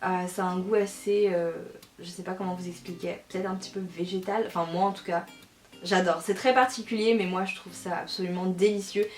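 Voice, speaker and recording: A woman's voice: on the low side, fairly even intonation, fairly quick. A woman talking casually and effusively as a lifestyle and beauty vlogger, chatting through her favourites. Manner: enthusiastic, effusive. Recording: roomy echo, music behind. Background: music.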